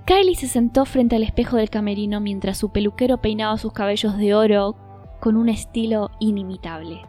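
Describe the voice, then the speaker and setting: A woman narrating a children's story in a gentle, measured way. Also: medium pitch, faint music behind.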